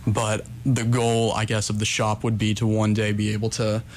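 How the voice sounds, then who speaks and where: Flat-toned young American man chatting. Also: on the low side, normal speed. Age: young adult. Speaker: interview guest, coffee shop worker. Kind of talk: casual conversational interview answers. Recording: noticeable background noise.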